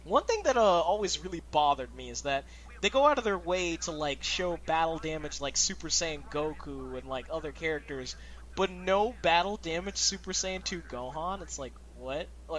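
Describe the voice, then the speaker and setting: A man hosting a let's play, talking loosely over gameplay with plenty of "like" fillers. His voice is bright and fairly high, with faint noise behind it. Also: brisk. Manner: loose and chatty, lots of "like" fillers. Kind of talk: casual gameplay commentary.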